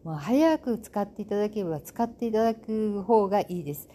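Mellow-voiced chatty middle-aged woman. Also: mid-range voice, animated, a little fast, a little hiss or hum. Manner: chatty and self-amused, with lots of fillers. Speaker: podcast host. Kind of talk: casual solo talk. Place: home in Bali.

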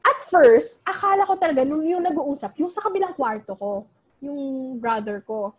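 A woman's voice: high-pitched, moderate pace. A young woman casually telling a story, mixing Filipino and English with many fillers. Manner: animated, Taglish code-switching, many fillers.

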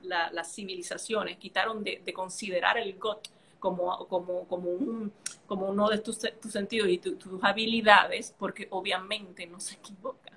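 A woman's voice: medium pitch, fairly even intonation, moderate pace, a bit bright, slight background noise. A woman telling a personal story in casual conversation, emotional and vivid, filling gaps with playful sounds. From a Caribbean island. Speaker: podcast conversation partner. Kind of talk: casual chat.

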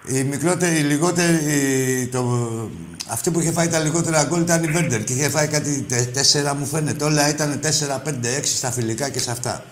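A man's voice: on the high side, reverberant, slight background noise. A man hosting a sports call-in radio show, arguing with callers in a brash, crude, combative way. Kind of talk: heated call-in argument.

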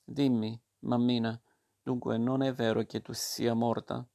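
A man's voice: medium pitch, little pitch movement, measured pace, vocal fry, dark tone. A man reading aloud and voicing a naughty wooden puppet boy who pleads and promises eagerly to change.

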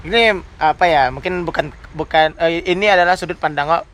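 A man's voice: a little high, brisk, dull audio. A young man, chatting casually as a podcast co-host and acting out quotes as he tells stories. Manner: animated storyteller, acts out quotes. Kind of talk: casual chat.

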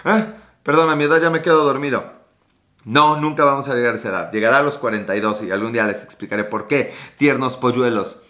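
Bright-voiced Mexican man chatting. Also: medium pitch, fast talker. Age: late 30s. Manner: rambling, scattered, swears often. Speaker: livestream host. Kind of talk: casual live chat reading comments.

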